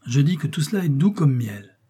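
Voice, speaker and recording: A learned, calm village priest, as a man reads him in an audiobook, explaining in a measured way. The voice is mellow and husky. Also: on the high side, heavily acted. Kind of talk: audiobook reading.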